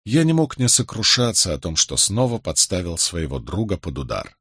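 A man narrating an audiobook in the first person, measured and even, on a close studio mic. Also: low-pitched, slightly rough, no room sound.

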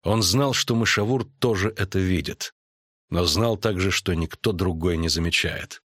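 A man reads a fantasy audiobook in an even, measured way. His voice sits low and the recording is close and dry with no room sound. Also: no room sound. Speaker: audiobook narrator. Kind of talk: scripted fantasy narration.

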